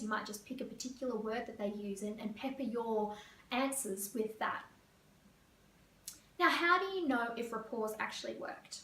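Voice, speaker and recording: Woman career coach, quick lively teaching, slightly distant mic, echoey room. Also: a little high, slight background noise. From Australia. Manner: fast, lively explaining. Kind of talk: teaching to camera. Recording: echoey room, voice a bit far.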